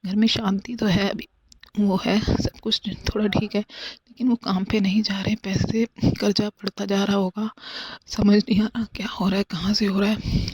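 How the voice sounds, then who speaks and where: A woman devotee offering a soft, pleading prayer as part of a devotional testimony. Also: medium pitch, flat delivery, normal speed, breathy edge, no room sound. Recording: dull, dry lo-fi recording.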